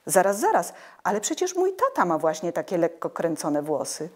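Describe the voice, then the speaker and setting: A dreamy, thoughtful young boy, read in a woman's own voice wonders aloud in a musing tone. The melody stays lively and storybook-like. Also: fairly low pitch, moderate pace, slightly rough, exaggerated voice.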